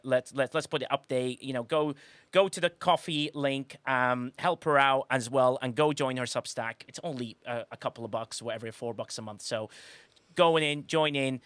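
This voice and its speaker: A man's voice: medium pitch, fairly bright tone, clear, resonant tone, no echo. Chatty man hosting a live podcast. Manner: chatty, effusive, rambling with restarts. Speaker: podcast host. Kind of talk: casual live-stream chat.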